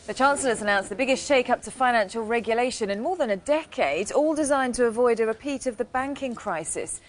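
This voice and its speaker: Lady co-hosting morning news, higher voice, chatty, slight hum behind. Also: lively intonation, brisk. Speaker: news co-presenter. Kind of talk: newsreading and studio chat.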